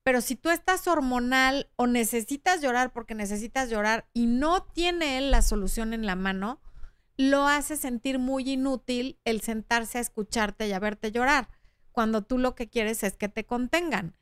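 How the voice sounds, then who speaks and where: A woman's voice: fairly high pitch, normal speed, a bit bright, clean tone, dry recording. A woman in her thirties with a Mexican Spanish accent, hosting a frank, chatty relationship advice talk and reading out viewer comments. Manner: frank, chatty, acts out quoted voices.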